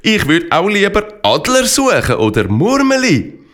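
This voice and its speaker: A man's voice: high voice, huge pitch swings, measured pace, fairly bright tone, pitched above the performer's own voice, heavily acted. A man with a Swiss accent voicing an eager, adventurous male train horse in a children's story.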